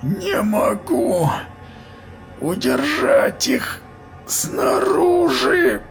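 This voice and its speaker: A man voicing a tormented, chained giant man in an audiobook, hissing and straining into desperate shouts. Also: high voice, sing-song, very slow, gravelly, faint music behind, pitched above the performer's own voice, heavily acted.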